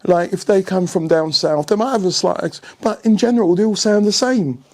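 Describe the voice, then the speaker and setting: Here a senior coach from England, an older man, talks briskly in a high register. In this interview he spins lively anecdotes, throwing in rhetorical questions and pausing often to make sure his listener is with him.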